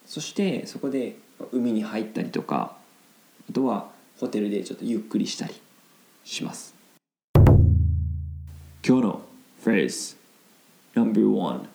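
A man teaching Japanese vocabulary in a casual lesson, explaining slowly in simple Japanese with English glosses mixed in. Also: fairly low pitch, very animated, gravelly, darkish tone, roomy sound, soft background music, low-quality recording.

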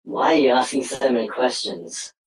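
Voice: lively intonation, moderate pace, reverberant, low-quality recording. A chat participant speaking through a voice changer, trading mock-serious, trolling banter in a casual online group chat. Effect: voice changer, very deep processed voice.

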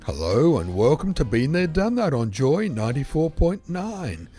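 An older Australian man with a croaky, froggy voice, chatting casually as co-host of a radio show. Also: a little high, sing-song, normal speed, music in the background. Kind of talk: casual chat.

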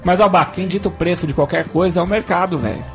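A man's voice: high-pitched, fast talker. A man in casual podcast banter who argues his points and laughs often. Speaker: podcast co-host. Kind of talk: casual group chat.

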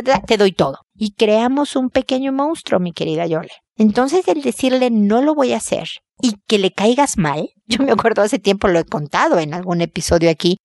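A woman's voice: mid-range voice, no room sound. Brief: middle-aged woman, advice host, chatty, acts out scenes, dry close sound. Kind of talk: advice talk to a listener.

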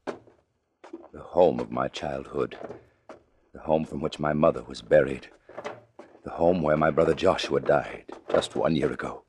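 A furtive, anxious man with an extremely deep voice. He talks to himself theatrically, in 1940s radio drama style. The old recording carries faint noise. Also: unhurried, long pauses, a little mellow. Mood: brooding, resolute. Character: furtive, anxious man sneaking through his childhood home.

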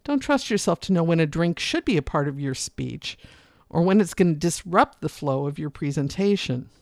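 Shifting tone frequently to show what's meant, a public speaking teacher narrates a scripted lesson in a mid-range voice at normal speed. The recording is dry, with clean studio sound.

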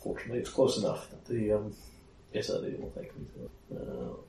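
A man playing in a tabletop game, calmly describing what his character does. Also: on the low side, brisk, vocal fry. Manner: relaxed, describing his moves in detail. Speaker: player. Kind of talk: casual tabletop game talk. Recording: echoey room, far mic, faint noise.

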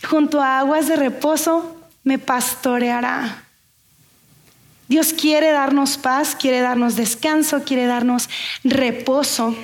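Young lady pastor giving a sermon, chatty, keeps asking the crowd stuff, pretty high voice. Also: fairly even intonation, slow pace. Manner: conversational preaching, asks the audience questions.

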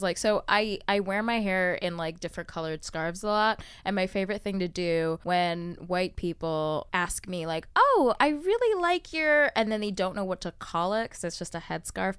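A woman co-hosting a casual podcast chat, telling chatty anecdotes in a lively way. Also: lowish voice, smooth, no echo, studio quality. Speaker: podcast co-host.

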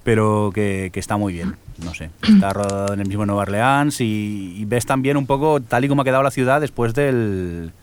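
A man hosting a podcast in a casual chat with a Spain Spanish accent. He talks in a relaxed, rambling way with fillers. His voice sits at a middling pitch. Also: moderate pace, hardly any pauses, clear, resonant tone. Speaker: podcast host.

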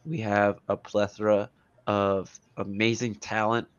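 A man's voice: on the low side, flat delivery, a little slow, clean tone, dry recording, highs cut off. Stuffy-nosed man, congested and nasal. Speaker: podcast co-host, soccer coach. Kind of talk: casual sports discussion.

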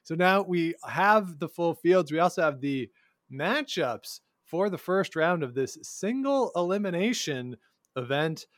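A man's voice: on the high side, animated, measured pace, no room sound, clean studio sound. A man co-hosting a casual sports podcast, talking with wry sarcasm and chuckling asides. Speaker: podcast co-host.

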